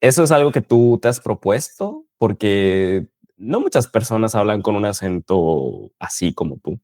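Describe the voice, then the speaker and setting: A man's voice: lowish voice, animated, measured pace, dark tone, no echo, clean studio sound. A man hosting an interview, asking short, engaged follow-up questions. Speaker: podcast host. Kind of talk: casual interview chat.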